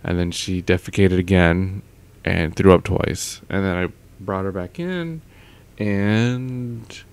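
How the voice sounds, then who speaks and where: Slow, clear and resonant, a young man's low voice carries his casual audio vlog, recorded indoors at home on a close pop-filtered mic. He meanders, leaning on fillers and letting thoughts trail off.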